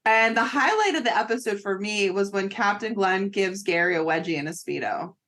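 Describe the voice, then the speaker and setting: A woman's voice: lively intonation, brisk, a bit bright. A woman co-hosting a podcast, recapping a reality show in casual chat and laughing often as she acts out quotes. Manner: giggly, acts out quotes in high voices. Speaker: podcast co-host.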